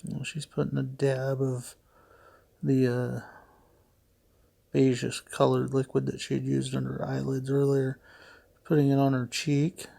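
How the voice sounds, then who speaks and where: A middle-aged man with a gravelly voice and heavy audible breathing, giving hesitant, puzzled, matter-of-fact unscripted play-by-play narration. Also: medium pitch, completely flat delivery, measured pace, long pauses, mellow. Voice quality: gravelly, creaky. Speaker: father doing a voice-over for his daughter's makeup video.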